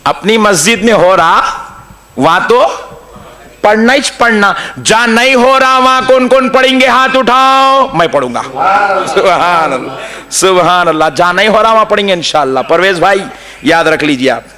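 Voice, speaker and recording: A male preacher delivers a sermon through animated stories. His voice sits high and sounds bright and forceful, and he keeps turning to the crowd with questions. At times he slips into a sung, melodic recitation. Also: normal speed. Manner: lively storytelling, calls out to the congregation; chants Arabic verses in a melodic recitation.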